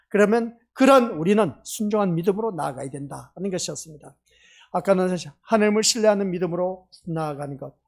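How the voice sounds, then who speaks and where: A male pastor delivers a sermon in a church. His voice sits high for a man and has a husky grain, and he preaches earnestly while acting out bits of dialogue from a story about the children. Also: a little mellow. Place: church sanctuary.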